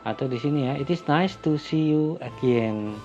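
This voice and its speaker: A man teaching a class, calmly explaining English greetings and introductions and slowing down for the example phrases. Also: medium pitch. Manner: calm and explanatory, switching into slow, lifted voice for English example phrases. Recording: lo-fi recording with faint music.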